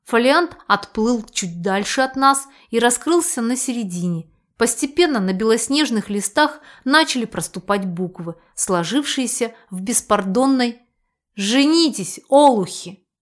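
A woman's voice: a little high, lively intonation, moderate pace, few pauses, fairly bright tone. Woman narrating an audiobook expressively. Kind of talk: first-person audiobook narration.

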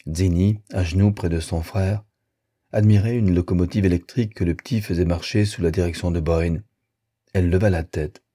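A man reading a novel aloud in a measured, even audiobook narration. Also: low-pitched, dry recording, clean studio sound.

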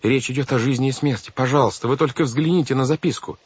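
A man's voice: a little high, brisk, husky, dry recording, highs cut off, voice pushed up. A man reading an audiobook, voicing a desperate young girl pleading with the adults. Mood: urgent. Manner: pleading, urgent. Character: desperate brave young girl, eldest orphan.

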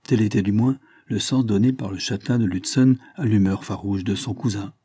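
A man reading a classic novel aloud as a measured, formal audiobook narration on a close mic. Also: lowish voice, warm tone, husky. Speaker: audiobook reader. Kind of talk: scripted narration.

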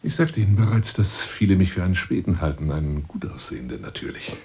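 Sitting low with a breathy edge and a quick pace, an actor voices a pompous, lonely hunter seducing a woman in a radio drama monologue. He sounds self-satisfied, grandiloquent and insinuating, moving from hushed to declaimed phrasing.

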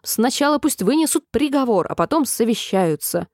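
A woman voicing a furious, hot-tempered queen who shouts her orders in a storybook reading. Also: fairly high pitch, expressive, normal speed, no room sound, studio quality, voice pushed up. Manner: shouting angrily.

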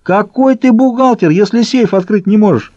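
Man doing a high sneering savage fighter, dull dry sound. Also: huge pitch swings, quick pace, darkish tone, slightly rough, dry recording, full character voice. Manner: sneering, contemptuous. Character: scornful male savage fighter. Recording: slightly dull dry recording.

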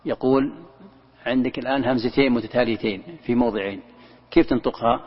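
A man's voice: mid-range voice, quick pace, slightly rough. A man, a sheikh giving a Quran commentary lesson, who explains step by step, repeating key words and demonstrating how a verse is recited. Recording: dull lo-fi recording in a long-echoing hall.

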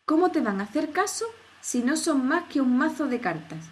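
A woman's voice: high voice, lively intonation, normal speed, voice pushed up. A woman voicing an indignant, spirited young girl in a children's audio story. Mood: scornful. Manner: indignant, defiant.

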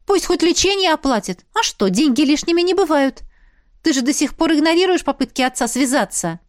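A woman's voice: high-pitched, animated, no room sound, clean studio sound, pitched above the performer's own voice. A woman voicing a bubbly pampered girlfriend. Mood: indignant. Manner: bubbly, emphatic, quick to exclaim. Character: lively, pampered young woman friend.

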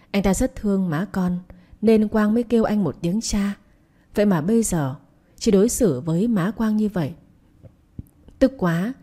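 A woman narrating a family drama story in a steady, measured way. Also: lowish voice, breathy edge.

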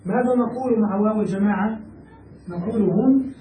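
Guy teaching grammar in a class, high mellow voice, echoey room, kinda far from the mic. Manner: explains step by step, checks understanding with quick questions. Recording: echoey room, voice from a distance, faint background noise.

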